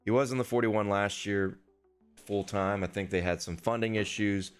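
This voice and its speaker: Candid low-voiced betting show host. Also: male voice, fairly even intonation, normal speed, clear, resonant tone, faint music behind. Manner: candid, casual, swears freely. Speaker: sports betting podcast host. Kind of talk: casual solo analysis.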